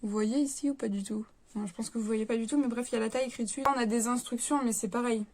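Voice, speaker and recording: Speaking rapid-fire in a slightly high, darkish voice with a steady tone, a young beauty vlogger chats at home to her camera. She reviews a beauty kit in a rambling way, full of fillers and self-corrections.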